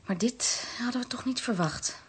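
An actress in a radio drama plays a polite bereaved wife hosting visitors with tea, courteous and subdued, with a wistful, composed mood. Her voice is fairly high in pitch, with a breathy edge and a moderate pace.

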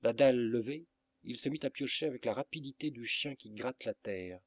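A man reading a storybook aloud as narrator, in a measured, dramatic manner. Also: medium pitch, no room sound. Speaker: audiobook reader.

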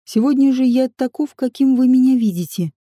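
A woman's voice: high voice, brisk, warm tone, dry recording, clean studio sound. A woman voicing a courteous young male adventurer who speaks in polite, formal phrases, in an audiobook.

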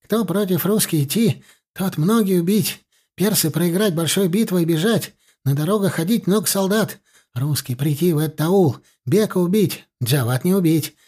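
A man voicing a husky, high-pitched village interpreter in a hurry. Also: moderate pace, a little mellow. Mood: eager. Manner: broken grammar, urgent hissing. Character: jittery male mountain-village interpreter, urgent.

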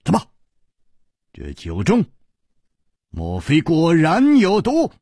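A man's voice: on the high side, huge pitch swings, takes it slowly, warm tone, husky, no echo, clean studio sound, voice pushed up, full character voice. A man voicing a bold young male hero who exclaims and presses questions urgently.

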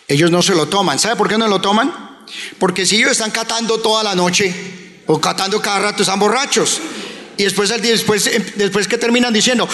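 A man's voice: sits high, pushed and bright. A Colombian man with a Colombian Spanish accent preaching a sermon as a pastor, asking rhetorical questions and acting out pleas. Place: church hall. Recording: reverberant church hall.

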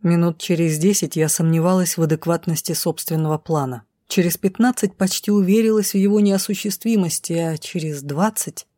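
A woman reads a fantasy audiobook with tense, urgent drama. Her voice sits low and sounds mellow and dark. The sound is dry and close, with no room around it. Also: fairly even intonation, a little fast, few pauses, no room sound. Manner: voices the characters' lines herself, tense and urgent. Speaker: audiobook narrator.

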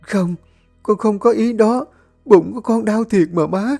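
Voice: mid-range voice, unhurried, gravelly, dark tone, soft background music, pitched above the performer's own voice. A storyteller voicing a meek young pregnant daughter-in-law who pleads and whimpers. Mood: pleading.

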